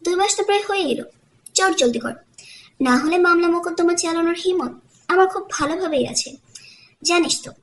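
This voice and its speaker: A woman's voice: very high voice, a little fast, pauses often. A woman voicing a proud young wife who scolds her family in cutting, bitter tones, in a romantic audiobook. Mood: icy scorn.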